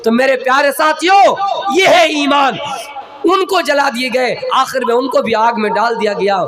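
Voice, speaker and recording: A male preacher giving an emotional, drawn-out sermon that tells a story. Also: very high voice. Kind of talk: Islamic sermon. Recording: crowd audible behind.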